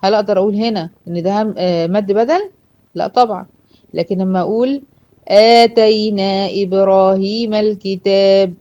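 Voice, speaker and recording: A woman's voice: mid-range voice, dark tone, highs cut off. Egyptian woman teaching with patient repetition. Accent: Egyptian Arabic. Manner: explains patiently, asks and answers her own questions, drawls example words slowly. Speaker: Quran recitation teacher. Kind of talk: classroom lesson.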